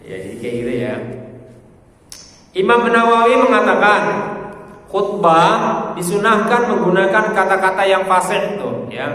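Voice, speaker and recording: A man's voice: sits high, sing-song, measured pace, pauses often, sharp tone. A man teaching a religious study session to a congregation, explaining in Indonesian, reciting Arabic phrases, repeating his points and joking with his listeners. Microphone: microphone in the room. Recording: echoey hall, voice from far off.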